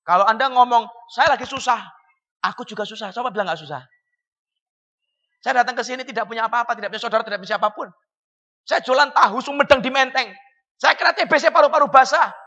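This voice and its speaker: A male pastor preaching an emphatic sermon, talking straight to his congregation and jumping from quiet asides to shouts. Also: very high voice, quick pace, long reverb tail, muffled recording. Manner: folksy, addresses congregation directly. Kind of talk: fiery sermon. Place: church hall.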